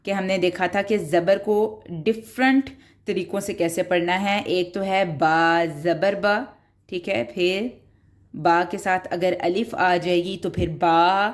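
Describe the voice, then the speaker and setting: A woman teaching Quran reading in a recorded tutorial, explaining each rule patiently, step by step. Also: lowish voice. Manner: patient, explains step by step, mixes in English words.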